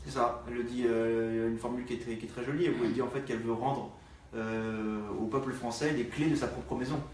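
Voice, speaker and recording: Male activist, halting speech, faint hiss, roomy distant recording. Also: mid-range voice, steady tone, darkish tone. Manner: halting, many fillers. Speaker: party activist. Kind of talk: live political discussion. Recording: distant echoey room sound.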